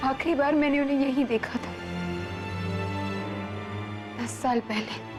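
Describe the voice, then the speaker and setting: An actress playing a frightened young wife, anxious and pleading, in a TV horror drama. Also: female voice, sits high, fairly even intonation, a little slow, over music.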